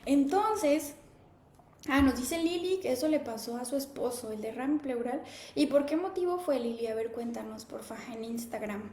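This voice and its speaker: High-voiced woman hosting a live stream. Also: expressive, moderate pace, slight background noise. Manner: warm, conversational, reads viewer comments aloud. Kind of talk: casual live stream talk, greeting viewers. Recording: echoey room.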